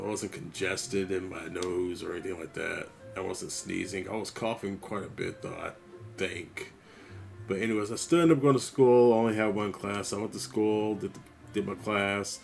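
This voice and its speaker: A man's voice: low-pitched, creaky. A man vlogging about his gaming memories in a laid-back, conversational storytelling way. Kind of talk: storytelling monologue.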